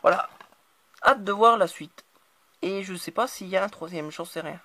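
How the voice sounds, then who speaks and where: A woman hosting her own channel, talking casually through a haul of new purchases, often hesitating and filling pauses. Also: mid-range voice, sharp tone. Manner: hesitant, constant filler words. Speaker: channel host. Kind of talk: casual DVD haul talk to camera.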